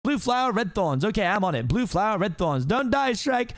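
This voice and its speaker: A man puts on an excitable donkey sidekick from a fairy-tale cartoon. The voice jumps around in a high register, frantic and chattering, recorded close and dry. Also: brisk, no room sound. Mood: panicked.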